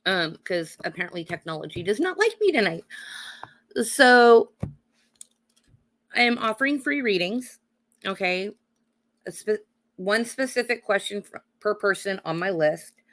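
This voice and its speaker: A woman with a cold, her voice going hoarse, giving live psychic card readings and calling her viewers honey and darling while checking in with "okay?". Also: mid-range voice, expressive, measured pace, pauses often, a bit bright. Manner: calls viewers honey and darling, adds "okay?" tag questions.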